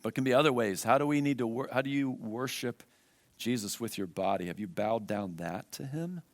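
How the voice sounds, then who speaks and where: A man delivers a sermon in a church, earnest and insistent, circling back to key phrases and putting questions to the congregation. His pitch sits in an ordinary middle range, and the sound is close and dry with little room echo. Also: fairly quick. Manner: earnest, asks the listeners rhetorical questions; emphatic, repeats key phrases. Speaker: pastor. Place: church with a screen.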